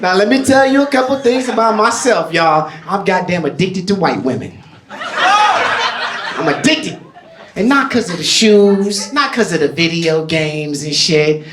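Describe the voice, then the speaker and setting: A man performing a stand-up comedy set in a club, brash and profane with loud punchlines. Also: high-pitched, lively intonation, normal speed, a crowd in the background. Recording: roomy club sound.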